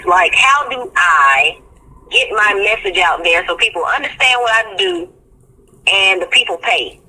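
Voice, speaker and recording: A woman's voice: mid-range voice, pushed and bright, slight background noise, low-quality recording. A woman life coach calling in, heard over a phone on speakerphone, laughing easily and earnest. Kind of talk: call-in chat.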